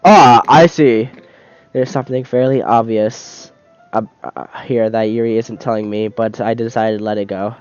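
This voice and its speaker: A man's voice: fairly low pitch, level tone, normal speed, warm tone, clean tone. A man streaming a game, reading its text aloud in a casual let's-play, often stumbling and restarting mid-word and laughing easily. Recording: dull lo-fi sound, dry close mic, faint music behind.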